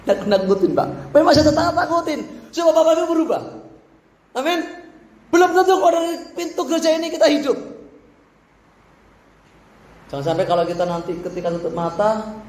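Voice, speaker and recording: High-voiced pastor preaching. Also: male voice, sing-song, fairly quick, pauses often, echoey room, low-quality recording. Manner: preaching with shifts between shouting and soft asides. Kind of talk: sermon. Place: church.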